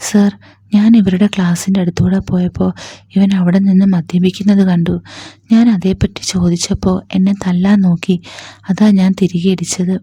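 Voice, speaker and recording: A woman's voice: fairly low pitch, flat delivery, moderate pace, dark tone, husky, no room sound. A woman voicing a young male student defending himself with an innocent air. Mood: defensive.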